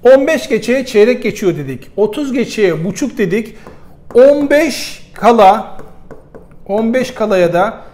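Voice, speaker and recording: Man, high-pitched voice, primary school math teacher, step-by-step board lesson, counts aloud. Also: a little mellow. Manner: explains step by step, counts aloud, voices pupils' answers, often says "arkadaşlar".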